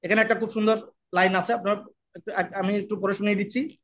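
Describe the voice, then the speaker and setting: A man's voice: high-pitched, flat delivery, fast talker, a bit bright, muffled recording. A man giving a devotional sermon, asking his listeners questions and chanting Sanskrit verses. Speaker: preacher.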